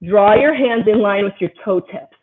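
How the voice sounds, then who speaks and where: A woman yoga instructor guides a class through poses with brisk, encouraging cues on alignment and breathing. Her voice comes through thin and tinny, like audio over a phone line. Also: medium pitch, a little hiss or hum. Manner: steady stream of short, encouraging body cues.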